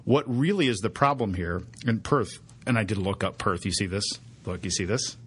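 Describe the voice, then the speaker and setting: A man's voice: lowish voice, lively intonation, a little fast, slight background noise. A man co-hosting a podcast in casual chat, joking and poking fun at himself while reading a listener email aloud. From United States. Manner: joking, self-mocking, reads an email aloud. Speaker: podcast co-host.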